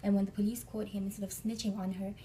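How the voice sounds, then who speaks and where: A woman's voice: medium pitch, level tone, fast talker, warm tone, far from the mic, a little hiss or hum, low-quality recording. Chatty young woman telling a story. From Africa. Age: young adult. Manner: chatty, acts out the people she quotes. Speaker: vlogger. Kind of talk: storytime vlog.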